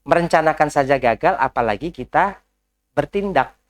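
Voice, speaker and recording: A man's voice: on the high side, normal speed. A man giving a motivational business coaching talk to a group indoors, speaking straight to them with rhetorical questions and slipping English business phrases into his talk. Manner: lively, talks straight to the audience with rhetorical questions. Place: indoor session in a house.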